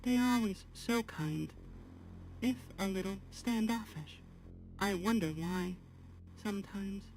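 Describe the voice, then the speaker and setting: A woman plays an earnest, polite female AI assistant who is apologetic and gently earnest, slowly guiding a live chat as a streamer. Her medium-pitched delivery is very unhurried, halting, measured and formal, with no contractions, and sounds polite and wistful. Soft music runs underneath a rough recording.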